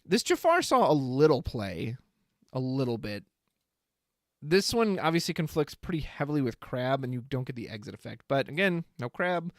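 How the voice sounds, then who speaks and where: A man's voice: mid-range voice, sing-song, normal speed, no echo, clean studio sound. A man streaming live, casually thinking aloud as he reads card text and chat comments. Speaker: streamer reviewing trading card spoilers.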